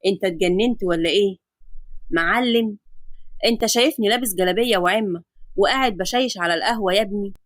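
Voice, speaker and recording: A man's voice: high voice, fast, a bit bright, no room sound, clean studio sound. A woman voicing a jokey, prying young Egyptian man ribbing his coworker. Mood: joking. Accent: Egyptian Arabic.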